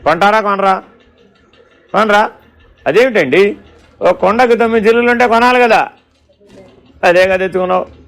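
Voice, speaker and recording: High, gravelly-voiced man giving a spiritual discourse. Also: normal speed, long pauses. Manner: questioning, animated storytelling. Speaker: spiritual teacher. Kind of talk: Vedanta discourse.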